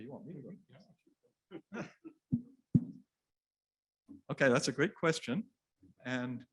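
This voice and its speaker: Man, average pitch, panel answer, halting, thoughtful, word repetitions. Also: a bit bright, rough recording. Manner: halting, thoughtful, repeats words while searching.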